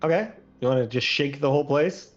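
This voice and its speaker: A man narrating a tabletop game as game master, relaxed and thinking aloud as he goes. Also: a little high, fairly quick, faint music behind. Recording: muffled, lo-fi recording.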